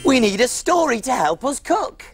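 A man's voice: very high-pitched, big pitch swings, normal speed, soft background music. A man playing a big, friendly male cook on a children's TV show, jolly and teasing, full of exclamations. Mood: cheery. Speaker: children's TV presenter. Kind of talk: children's TV acting.

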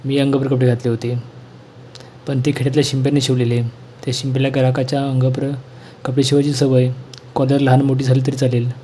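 A man reading a school textbook lesson aloud in a plain, measured way. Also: medium pitch, little pitch movement, mellow, a little hiss or hum.

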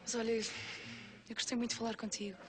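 Actress as a gentle young Portuguese bride, quick-spoken. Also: female voice, fairly high pitch, level tone, over music, natural voice. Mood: encouraging, glad. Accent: European Portuguese. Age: young adult. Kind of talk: television soap drama acting.

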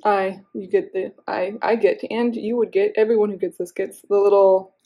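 A woman vlogging in a casual, rambling way, a little hoarse as she is losing her voice, with self-deprecating asides and many fillers. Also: medium pitch, fairly even intonation, moderate pace, muffled recording. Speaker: beauty vlogger. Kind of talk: casual chat to camera.

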